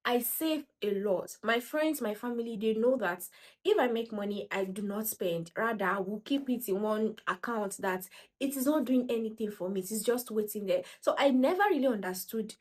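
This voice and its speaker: A woman's voice: a little high, moderate pace, a little mellow. A woman gives casual, motivational finance talk to camera. She speaks emphatically and repeats her points. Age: 20s. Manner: emphatic, repeats points, acts out quoted voices. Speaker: personal finance vlogger.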